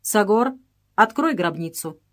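A woman's voice: mid-range voice, expressive. A woman reading an audiobook voices a proud, commanding princess in a raised, solemn tone. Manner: solemn, commanding, slow-paced.

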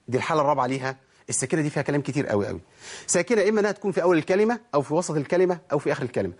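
A man with an Egyptian accent teaching a tajweed lesson, quizzing his listeners with quick rhetorical questions. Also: fairly high pitch, darkish tone, slightly rough. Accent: Egyptian Arabic. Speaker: Quran recitation teacher.

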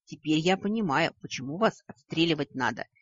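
A woman's voice: deep voice, lively intonation, a little fast, no echo, dull audio. A woman reading a story, voicing a chubby, greedy male creature who bickers indignantly over money. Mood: cursing. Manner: indignant, squabbling.

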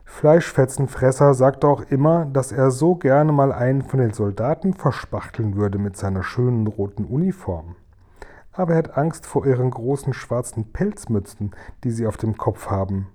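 Man doing a storybook giant, gentle, grumbling, slow, mellow voice, word-muddling. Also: medium pitch, lightly acted. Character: gentle mumbling male giant, mixes up words.

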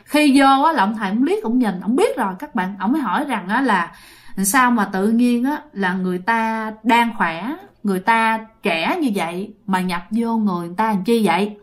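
A woman's voice: fairly high pitch, normal speed. A woman with a Southern Vietnamese accent telling a ghost story, speaking straight to her listeners. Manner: lively, addresses listeners directly.

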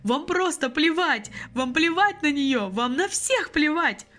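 A woman voicing a furious, desperate young man who shouts and breaks down, in an audiobook reading. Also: a little high, big pitch swings, fairly quick, soft background music, pitched above the performer's own voice. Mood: sobbing rage.

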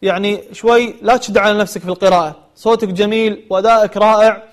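A man teaching recitation, gently giving feedback and patiently explaining the rules while repeating examples. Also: high voice, fairly even intonation, fast. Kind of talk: online recitation lesson.

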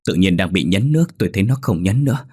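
A man's voice: sits low, expressive, quick pace, darkish tone, breathy edge. A man voicing a terrified fisherman who whimpers and panics after a ghost attack, in a spoken horror story. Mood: whimpering.

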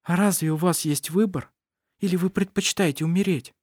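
A strong-willed young daughter speaks low and steady, raised a little above the reader's own pitch, as a man reads her out. Her hushed tone stays calm and firm in a dry, close storybook recording. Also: a little fast, no room sound. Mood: calm resolve.

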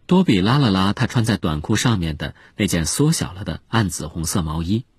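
A man narrating a storybook in a lively, expressive way. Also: sits low, brisk, slightly rough, dry recording. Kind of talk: storybook reading.

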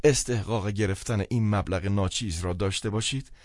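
A man voicing a sentimental, tearful woman who speaks softly and pleadingly, in an audiobook. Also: fairly low pitch, no room sound, studio quality, lightly acted. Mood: hesitant. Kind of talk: audiobook character reading.

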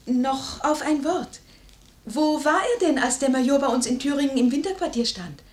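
An actress playing a quick-witted, sharp-tongued young maid in a 1950s radio play. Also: female voice, sits high, natural voice. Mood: pert. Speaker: lady's maid. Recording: echoey 1950s radio studio.

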